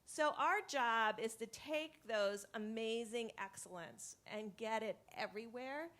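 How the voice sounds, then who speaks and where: A woman's voice: a little high, a little slow, fairly bright tone. A woman speaking on a panel in an earnest, emphatic way. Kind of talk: panel discussion.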